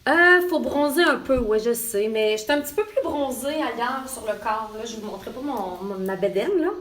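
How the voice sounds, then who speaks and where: A Québécois woman with a slightly high voice hosts a live makeup tutorial. She is chatty and warmly greets her viewers by name. She is recording from a hotel room. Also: lively intonation, moderate pace. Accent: Québécois French. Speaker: makeup artist.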